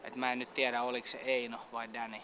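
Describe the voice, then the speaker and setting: A man's voice: medium pitch, completely flat delivery. A man with giving a comic mock interview, bragging in a self-important, mock-serious way. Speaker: mock athlete being interviewed. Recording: outdoor street noise.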